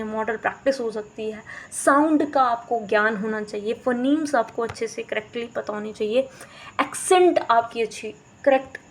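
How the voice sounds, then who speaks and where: A woman teacher talks through a lesson on teaching methods. Her voice sits a little high. She switches into English terms and sounds out words to show how they should be said. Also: low-quality recording. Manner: explanatory, mixes English terms into Hindi, demonstrates pronunciations. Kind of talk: explaining a teaching course in Hindi.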